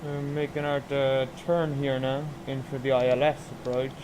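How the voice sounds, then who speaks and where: A man's voice: medium pitch, little pitch movement, normal speed, noisy background. A man giving casual, chatty gameplay commentary on a flight simulator, thinking aloud with enthusiasm.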